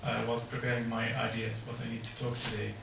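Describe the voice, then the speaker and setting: A gravelly, mid-range voice with little pitch movement belongs to a Jordanian man speaking earnestly at a public meeting. He uses halting non-native English in an echoey hall. Recorded from a distance, the audio is very noisy.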